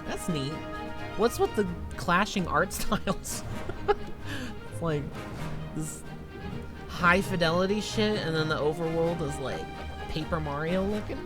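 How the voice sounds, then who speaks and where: A man's voice: on the high side, animated, measured pace, pauses often. A man chatting casually and bluntly, with swearing, as he reacts to trailers on a stream. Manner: blunt, profane. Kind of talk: casual chat, live commentary. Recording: music behind the voice.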